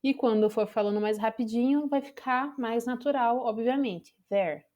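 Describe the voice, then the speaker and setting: A woman's voice: on the high side, fairly even intonation, normal speed, dark tone, dull audio. Brazilian woman teaching English online. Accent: Brazilian Portuguese. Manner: explains patiently, switching between Portuguese and English. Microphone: computer microphone on a video call.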